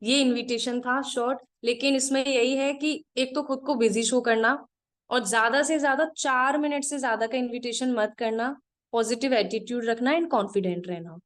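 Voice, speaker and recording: Running a live online class, this trainer has a fairly high, fairly bright voice. Her style is direct and practical: she works through each point in turn and repeats it slowly so students can take notes.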